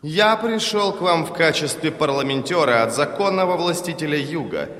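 A man's voice: a little high, expressive, normal speed, a bit bright, echoey room, big-room sound, voice pushed up. A man reading an audiobook, voicing a tall, arrogant imperial ambassador with a resonant, commanding voice. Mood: haughty. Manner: arrogant, pompous.

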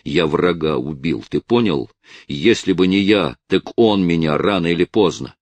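A man's voice: deep voice, moderate pace, no echo. A man playing a furious young vigilante. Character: angry young male vigilante, bitter and defiant.

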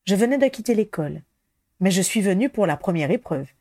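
A woman's voice: mid-range voice, animated, a little fast, warm tone, dry recording, clean studio sound. A woman reading the lines of a courteous, enthusiastic male ministry official in a storybook. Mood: eager. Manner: polite and enthusiastic.

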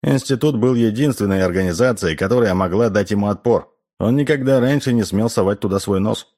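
A man's voice: fairly low pitch, brisk, a little mellow. A man reading an audiobook, voicing a shrewd, sardonic older male doctor.

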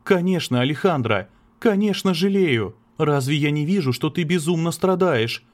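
A man's voice: a little high, lively intonation, normal speed, pitched above the performer's own voice, lightly acted. A man voicing an anxious, lovesick young man who pleads earnestly, in an audiobook. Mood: pleading. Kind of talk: audiobook character reading.

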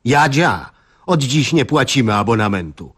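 A man doing a gruff village head. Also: medium pitch, big pitch swings, moderate pace, a bit bright. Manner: gruff, sullen. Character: grumpy drinking village head, middle-aged man.

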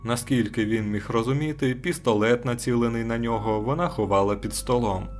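A man narrating a short story as an audiobook in a steady, measured way. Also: medium pitch, faint music behind.

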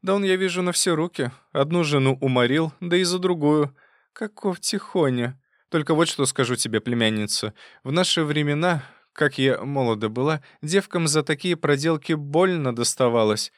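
A man reading an audiobook, voicing a fierce old woman who scolds her niece in a loud, folksy way. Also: fairly high pitch, moderate pace, no room sound, studio quality, voice pushed up, lightly acted. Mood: scolding.

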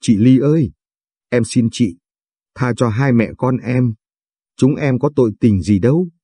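A man's voice: mid-range voice, measured pace, mellow, husky, dry recording, studio quality. A man voicing a desperate, pleading young mother. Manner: pleading, imploring.

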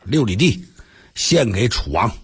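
A man's voice: on the low side, big pitch swings, unhurried, husky, exaggerated voice. A man voicing a sly, smug male minister who coaxes and mocks. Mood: coaxing. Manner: coaxing and mocking.

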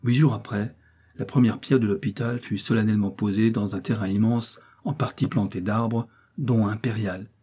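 A man reads a classic novel aloud in a measured, steady manner. His voice is low, dark and mellow, with a husky grain. He keeps an even storytelling pace. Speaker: audiobook narrator. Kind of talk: literary audiobook narration.

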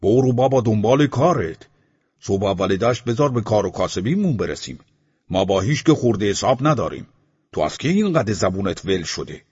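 A man's voice: lowish voice, very animated, darkish tone, husky. A man playing a curt, frightened shopkeeper. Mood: irritated. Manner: curt, dismissive. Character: frightened middle-aged male shopkeeper, curt. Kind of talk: audiobook character voice. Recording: slightly muffled recording.

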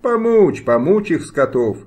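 A man reading an audiobook, voicing a cruel nobleman who shouts harsh commands at an executioner. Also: a little high, very animated, very slow, husky, pitched above the performer's own voice, exaggerated voice. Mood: gloating.

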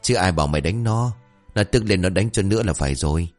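A man voicing a blustering old village man who curses gruffly. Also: deep voice, lively intonation, fast, soft background music. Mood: grumbling. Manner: gruff and cursing.

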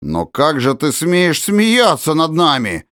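A man's voice: lowish voice, lively intonation, moderate pace, no room sound, studio quality, lightly acted. A man voicing a scheming teenage ringleader who gives orders in a conspiratorial way, in an audiobook. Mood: sulky. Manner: bossy, conspiratorial. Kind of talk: audiobook character voice.

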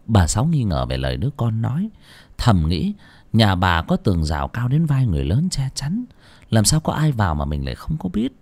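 A man narrating a horror story in an expressive, dramatic style. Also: fairly low pitch, brisk, no echo. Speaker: audiobook narrator.

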